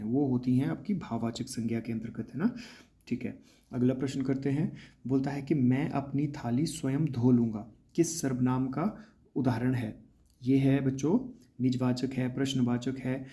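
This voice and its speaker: A man's voice: mid-range voice, warm tone. A man teaching a lesson for an exam, explaining patiently and asking questions that he then answers himself.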